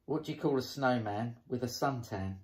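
A middle-aged British man chatting casually as a vlog co-host, with a husky voice, at home. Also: medium pitch, moderate pace. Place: living room at home.

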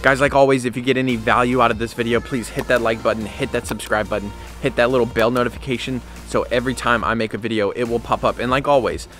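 An upbeat young man who owns a boat detailing business chats into a handheld camera held at arm's length, tossing out "guys" and easy fillers during a casual how-to vlog. His middle-pitched voice has a fairly bright tone. He's outdoors at a sunny marina with faint music underneath.

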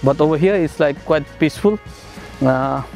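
On a city riverside path and in a bright building, a hesitant young Nepali master's student gives a casual testimonial at a moderate pace. His voice is on the high side and gravelly, with many "uh"s, soft chuckles, and faint music behind him.

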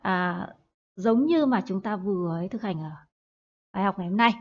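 With a darkish tone at medium pitch and a normal pace, a woman leads a recorded online English lesson. She explains in Vietnamese, leans on hesitant fillers, and repeats words for practice, all captured in dull lo-fi audio.

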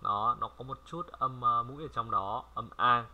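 A man from Vietnam giving a casual language lesson, chatty and repeating words slowly for viewers to copy. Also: mid-range voice, phone-quality sound. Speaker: French language tutor. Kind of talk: casual screen-recorded lesson.

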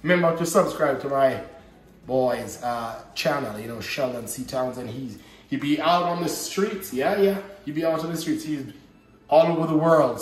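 Here a Jamaican man in his thirties runs a casual cooking vlog from an indoor home kitchen, his fairly high voice carrying easygoing, patois-tinged chatter in a Jamaican accent. The sound comes from a distant camera mic, so the kitchen echoes and background noise comes through clearly.

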